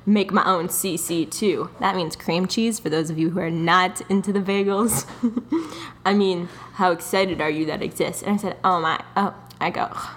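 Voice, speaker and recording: A young woman co-hosting a podcast, telling a dating story in a casual, animated way, often laughing and mocking herself. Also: fairly low pitch, moderate pace, a little hiss or hum. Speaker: podcast co-host.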